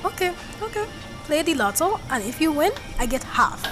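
A woman's voice: sits high, big pitch swings, normal speed, over music. An actress playing a young student daughter in a domestic drama, defensive and outspoken with her father. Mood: playful, relaxed. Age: young adult.

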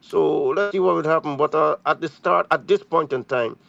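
A man's voice: a little high, moderate pace, creaky, fairly bright tone, no echo. A man from Guyana giving a radio cricket report in a conversational, chatty way. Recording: dull lo-fi radio audio.

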